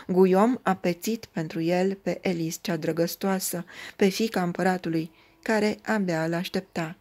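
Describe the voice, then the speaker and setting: A woman narrates an old legend for an audiobook with measured, dramatic storytelling. Her voice sits a little low and her pacing stays even and deliberate. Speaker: audiobook reader.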